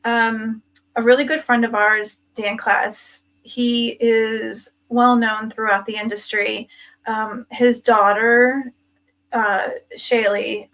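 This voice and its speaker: Higher-voiced woman hosting a show. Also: a bit bright, poor audio. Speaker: show host.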